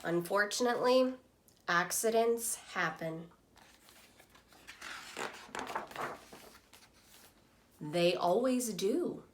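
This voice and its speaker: A woman's voice: medium pitch, noisy background, close to an everyday voice. A woman voicing an earnest, timid but persevering storybook egg, telling his own story expressively. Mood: nervous. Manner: slow, expressive first-person storybook telling.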